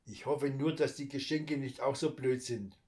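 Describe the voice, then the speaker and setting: A man's voice: medium pitch, normal speed, a little mellow, lightly acted. A man reading a storybook and voicing a grumbling young boy who complains a lot. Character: grumpy young boy, older brother.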